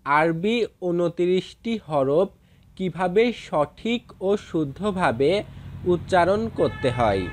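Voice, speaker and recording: A man teaching how to pronounce letters, drawing out each sound and repeating it for listeners to follow. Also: a little high. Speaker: Quran reading teacher. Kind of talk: slow step-by-step recitation lesson.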